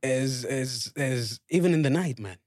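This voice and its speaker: A man's voice: medium pitch, measured pace, darkish tone, dry recording, studio quality. A man in his thirties from Mecca with a Saudi Gulf Arabic accent, chatting casually in English and joking with some hip-hop slang. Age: 30s. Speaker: podcast guest, stand-up comedian. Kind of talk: casual chat.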